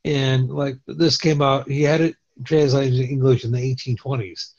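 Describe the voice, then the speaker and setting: A man, a guest on a remote call, explaining things in a measured way with many pauses while his connection breaks up and cuts out. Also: mid-range voice, steady tone, gravelly, darkish tone. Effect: bad connection, voice breaking up and cutting out. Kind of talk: remote conversation, explaining history at length. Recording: dull lo-fi call line that keeps dropping out.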